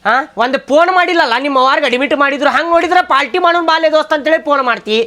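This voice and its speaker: A man with a North Karnataka accent in a comedy skit, bantering loudly and scolding with slang insults. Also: very high-pitched, very fast. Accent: North Karnataka Kannada.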